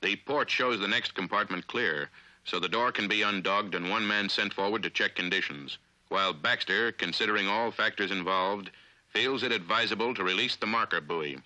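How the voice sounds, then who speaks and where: Narrating like a 1950s training film, an American man uses a lowish, very bright and forceful voice with deliberate, authoritative phrasing. The sound is a dry period film soundtrack with no echo and poor audio.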